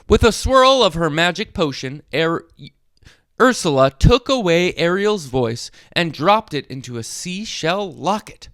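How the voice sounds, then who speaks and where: In a dry, close recording free of echo, a man reads aloud to small kids on his read-along channel. His voice is high and clear, wildly varied in pitch and full of expression, and he breaks in with short asides while speaking straight to his young audience.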